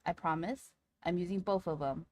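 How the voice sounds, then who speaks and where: A woman livestreamer chatting casually with her audience in a cute, playful, excitable anime-streamer manner. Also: lowish voice, normal speed, dry recording. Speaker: livestreamer talking to chat.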